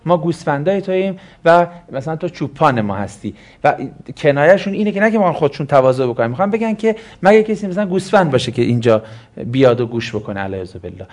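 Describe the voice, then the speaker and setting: Man teaching Quran exegesis, slightly high voice. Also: sing-song, a little mellow. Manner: explanatory, rhetorical questions answered himself.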